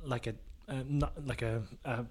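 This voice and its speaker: A man's voice: medium pitch, steady tone, moderate pace, darkish tone, slightly rough. A man hosting a documentary interview podcast, asking questions with frequent restarts and hesitations. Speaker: podcast host.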